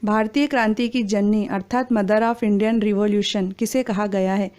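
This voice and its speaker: A woman reading exam quiz questions and their answers in a steady, formal recitation. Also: mid-range voice, a little slow.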